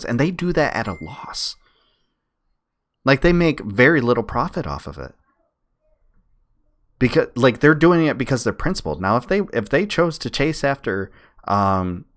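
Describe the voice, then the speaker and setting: Mid-range and a touch bright, this streamer's voice drives a casual, argumentative debate. He presses his case emphatically, going over the same points again as in online debating.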